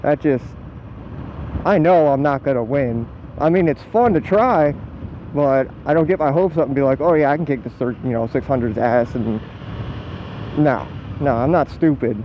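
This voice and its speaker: Engine and road noise surround a mid-range male voice at a moderate pace, recorded on a muffled helmet mic. He's an American motorcycle vlogger in his 20s, chatting freely while riding, rambling and self-deprecating with a casual, profane streak.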